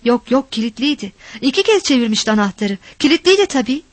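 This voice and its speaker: Hikaye okuyan kadın, yüksek perdeli ses, kuru ve yankısız kayıt. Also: female voice, on the high side, sing-song, fast, no echo. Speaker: narrator. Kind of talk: storybook reading.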